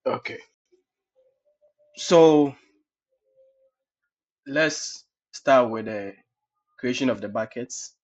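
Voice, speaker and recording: Hosting a cloud lab tutorial captured as a screen recording, a man who has a cold explains things step by step, leaning on "okay, so" a lot. He speaks in a mid-range voice, extremely slowly, with long pauses, over dull lo-fi audio.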